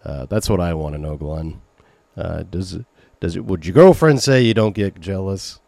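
A middle-aged podcast host from Maine, USA, with a Maine accent speaks in a low, slightly mellow voice with vocal fry at a moderate pace, recorded dry. In casual solo talk, he chats and rambles, reading listener messages aloud and reacting to their questions.

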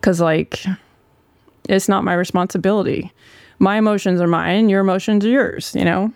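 A speaker with a gravelly, crackling vocal fry from a sore throat, telling a personal story in a candid, informal way with occasional swearing. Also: medium pitch, steady tone, normal speed, no echo, studio quality. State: long-running sore throat.

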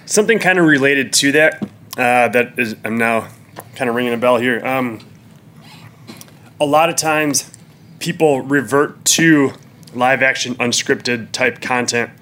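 A man's voice: mid-range voice, unhurried, a bit bright, a little hiss or hum. A man co-hosting a podcast in casual chat, chipping in with joking interjections. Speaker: podcast co-host.

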